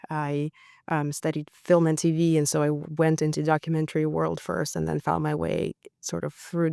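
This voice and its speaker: Gravelly, thoughtful woman from Russia. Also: sits low, darkish tone, dry recording, clean studio sound. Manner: thoughtful, hesitant with many fillers. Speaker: journalist guest. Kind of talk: interview answers.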